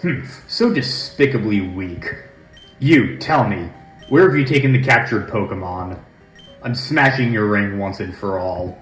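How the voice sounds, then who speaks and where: A man's voice: on the low side, lively intonation, unhurried, a bit bright, faint music behind. A man voicing a stern, righteous woman trainer from a game, imperious in manner, in an echoey room. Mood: cold fury. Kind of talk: dramatised game dialogue.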